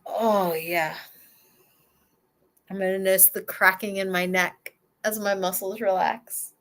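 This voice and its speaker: In a gentle first-person voice, a woman leads a slow relaxation practice, letting breaths and sighs fill the pauses. Her pitch is medium and her tone steady.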